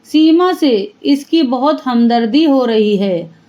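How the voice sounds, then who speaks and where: A woman narrating a dramatic family story in the first person, with steady, emotional storytelling. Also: high-pitched, slow, lo-fi sound.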